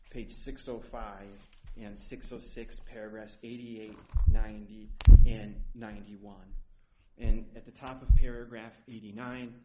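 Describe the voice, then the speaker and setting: A man with a low, soft voice that trails off, arguing an appeal in a courtroom in a measured, methodical way. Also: slight background noise. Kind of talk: courtroom oral argument. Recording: roomy courtroom recording.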